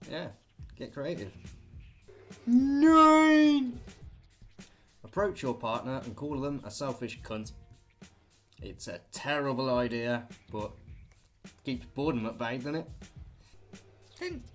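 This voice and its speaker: A young British man talking through a list of things to do at home, rambling and jokey with offhand asides. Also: medium pitch. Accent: British English. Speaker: vlogger. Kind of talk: casual listicle monologue.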